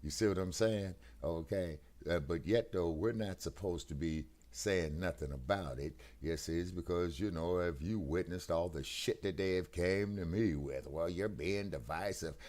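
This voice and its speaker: Deep-voiced and darkish in tone, an American man co-hosts a talk stream's casual political discussion, heard through a headset on a video call that occasionally breaks up. He moves at a moderate pace with few pauses, preaching emphatically and often asking, "you see what I'm saying?"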